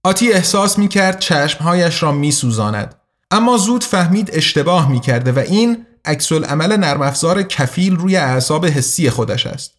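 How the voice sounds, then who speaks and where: Man with a slightly high narrating voice. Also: animated. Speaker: audiobook narrator. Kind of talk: scripted narration.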